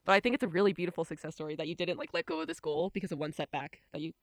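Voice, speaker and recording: A woman's voice: low-pitched, racing. A woman hosting a podcast, chatting and interviewing in an informal, upbeat way. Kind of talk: casual chat.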